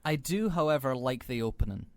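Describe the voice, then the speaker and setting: A man co-hosting a radio film podcast, giving measured views and often agreeing, thinking aloud as he talks. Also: mid-range voice, lively intonation. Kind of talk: casual film review chat. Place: radio studio.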